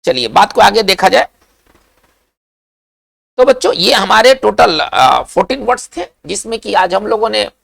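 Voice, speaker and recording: Woman teacher going over vocab words, voice jumps around a lot, slightly gravelly, keeps checking you follow, slows way down for the example sentences. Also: mid-range voice, very animated, no echo, studio quality. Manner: patient explaining, often checks understanding with "hai na?"; slows right down when dictating English example sentences. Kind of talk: online vocabulary lesson.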